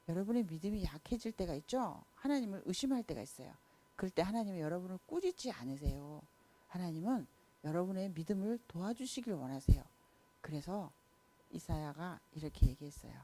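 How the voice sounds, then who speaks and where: A woman's voice: fairly low pitch, mellow. A woman teaching a children's Sunday school class, telling a Bible story expressively and speaking directly to the children.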